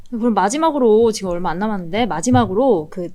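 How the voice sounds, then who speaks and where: A woman's voice: medium pitch, lively intonation, fast, dark tone. A woman co-hosting an event, chatting playfully with the guest and wrapping up the session. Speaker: co-host. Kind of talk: casual hosting banter.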